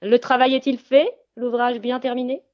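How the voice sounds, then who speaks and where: A gruff, greedy old witch from a fairy tale, voiced by a woman who drags her words out with menace. She booms her threats in a storybook reading. The recording is dull and dry. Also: little pitch movement, no room sound, close to an everyday voice. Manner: growling, threatening, drawn-out words.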